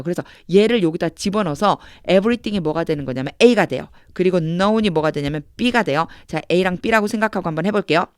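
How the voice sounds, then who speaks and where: A woman teaching English grammar through Bible verses, explaining each step patiently and reading the English phrases slowly. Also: fairly low pitch, dry recording, studio quality.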